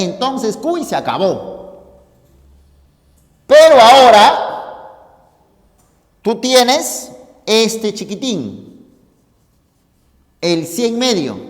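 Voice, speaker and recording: A Peruvian-accented man lecturing a class, his voice high and swinging widely in pitch. He talks unhurriedly and keeps checking that students follow along. The room adds a long echo. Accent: Peruvian Spanish. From Peru. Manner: emphatic, asks students for agreement often. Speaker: teacher. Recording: hall reverb in classroom.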